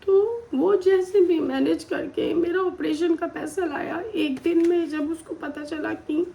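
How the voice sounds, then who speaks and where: A young woman from India recounts her own story, tearful and close to crying throughout. Her voice sits high for a woman, yet it stays mellow and soft-edged. She slips English phrases in among her sentences. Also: measured pace, vocal fry, a little hiss or hum. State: close to tears. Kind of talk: emotional personal storytelling.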